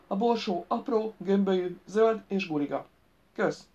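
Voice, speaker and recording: A woman's voice: medium pitch, warm tone, lo-fi sound, natural voice. A woman voicing a clumsy, joking grown man in an audiobook, dry and bumbling.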